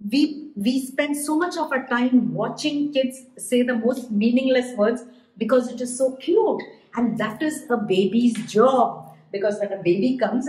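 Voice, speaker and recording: A woman's voice: fairly high pitch, a little mellow. A middle-aged woman hosting a podcast, chatting casually in a blunt, teasing way and laughing easily. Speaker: podcast host and coach. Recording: roomy, echoey sound.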